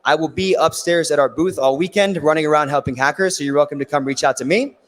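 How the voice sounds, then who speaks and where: A man with a raspy, worn voice giving a technical conference presentation, explaining things step by step and often checking in with "right?". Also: on the high side, fast, a bit bright. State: losing his voice. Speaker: conference speaker. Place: conference stage in a large hall. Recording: long hall reverb.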